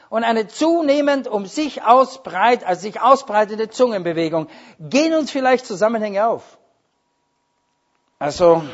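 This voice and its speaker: A man preaching a sermon, emphatic, with loud stressed words and quieter asides. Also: a little high, slightly rough. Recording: dull lo-fi recording.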